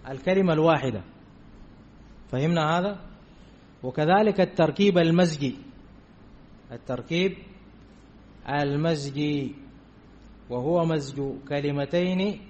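Man, grammar teacher, fairly high voice, repeats terms and checks in with students, muffled lo-fi recording. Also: unhurried, pauses often, darkish tone. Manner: repeats key terms, often asks "did we understand?". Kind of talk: Arabic grammar lesson. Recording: dull lo-fi recording.

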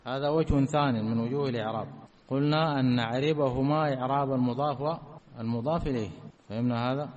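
A man giving a classroom grammar lesson. He keeps asking whether his students have understood, and he repeats key words slowly. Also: medium pitch, a little mellow, lo-fi sound. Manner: checks understanding with repeated questions. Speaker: grammar teacher.

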